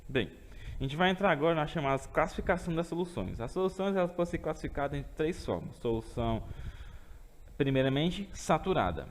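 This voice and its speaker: Brazilian guy teaching chemistry online, higher voice, lots of reverb, keeps checking in w students. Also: sing-song, fast talker. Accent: Brazilian Portuguese. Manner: explains step by step, keeps asking "tá certo?". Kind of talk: remote classroom lesson.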